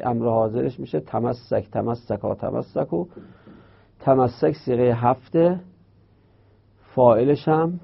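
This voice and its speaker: A man's voice: medium pitch, creaky, slightly rough. A man teaching Arabic grammar, explaining step by step and repeating and drawing out terms. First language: Persian. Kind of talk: explanatory lesson. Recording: dull lo-fi recording.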